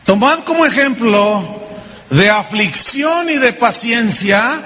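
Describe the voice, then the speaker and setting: A man preaches a sermon in a high-set, unhurried voice, pressing his points home with question after question aimed at the congregation. The recording carries a long hall reverb and a faint hum of room ambience behind him. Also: a bit bright. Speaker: pastor.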